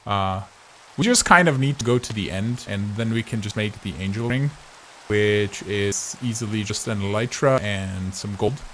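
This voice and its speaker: A man's voice: lowish voice, normal speed, fairly bright tone, a little hiss or hum, poor audio. A man giving casual, chatty gameplay commentary as host of a gaming video, thinking aloud as he goes.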